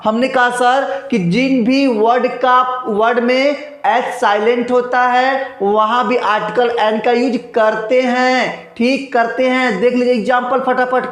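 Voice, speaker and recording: A man's voice: very high-pitched, a bit bright. A man teaching an exam-prep grammar lesson, asking and answering his own rhetorical questions and repeating key points. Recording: echoey room.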